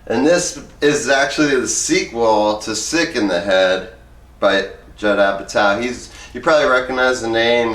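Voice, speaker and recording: Reading book excerpts aloud, this man keeps things informal and plain-spoken, voicing both sides of the interviews himself. His pitch is fairly low and his tone fairly bright. The recording sounds roomy and echoey, with the microphone set at a distance.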